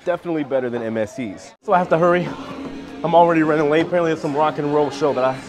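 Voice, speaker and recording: A man's voice: fairly high pitch, rapid-fire, music in the background. Male cruise vlogger in his thirties, candid and casual, phone-at-arm's-length sound. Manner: chatty, candid, addresses viewers directly. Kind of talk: casual vlog narration. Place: cruise ship corridors and venues, indoors. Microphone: phone camera held at arm's length.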